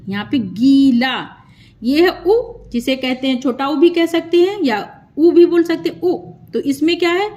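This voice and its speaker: High-voiced woman teaching letters patiently. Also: a little mellow. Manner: slow, patient, drawn-out syllables; repeats sounds for learners. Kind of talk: children's Hindi script lesson.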